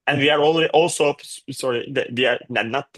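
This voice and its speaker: A man, a startup founder answering a panel's questions on a video call, halting with many restarts. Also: mid-range voice, a bit bright, no room sound. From Turkey.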